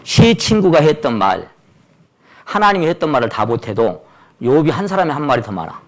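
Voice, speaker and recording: Man, pastor, Sunday sermon, lively pitch, dramatic delivery. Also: fairly quick. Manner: dramatic, swings from hushed to exclaiming. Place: church service.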